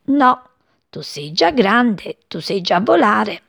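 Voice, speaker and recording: A woman voicing a loving mother bird in a children's story, calling her chick in a high, tender voice. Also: sing-song, slow, creaky, a bit bright, slightly rough, no room sound, clean studio sound, heavily acted.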